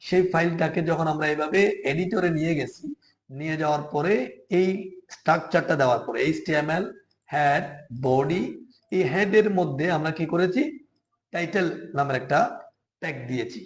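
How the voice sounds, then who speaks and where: A man from Bangladesh teaching a beginner web design class, explaining slowly and patiently step by step. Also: fairly high pitch, roomy sound. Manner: slow, patient, step-by-step, often asks "ঠিক আছে?". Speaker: programming teacher. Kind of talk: live screen-share coding class.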